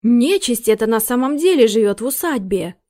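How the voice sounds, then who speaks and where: A woman voicing a superstitious male butler, a former captain, hoarse and indignant in an audiobook. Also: lively intonation, moderate pace, warm tone. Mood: fierce. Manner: indignant, raised pitch.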